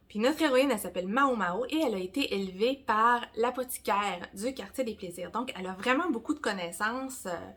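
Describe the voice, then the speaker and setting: A woman in her forties with a Québécois accent, giving a casual, rambling review of her month's reading, with self-mocking asides and some soft whispered comments. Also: on the high side. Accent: Québécois French. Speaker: book vlogger.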